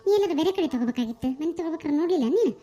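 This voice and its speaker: A woman plays a sharp-tongued neighbour woman in a cartoon comedy, speaking with a North Karnataka accent. She scolds and taunts without a break. Her voice is high yet mellow and dark in tone. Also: animated, rapid-fire. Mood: scolding. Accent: North Karnataka Kannada. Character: nagging neighbour woman who complains about the noise.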